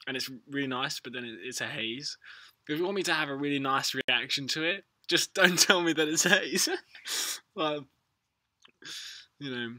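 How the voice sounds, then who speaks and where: A man's voice: on the high side, moderate pace, pushed and bright, dry recording. A British man chatting casually as a livestream host, with a laid-back, slangy, sweary stoner way of talking. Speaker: livestream host answering viewers. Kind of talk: casual rambling chat.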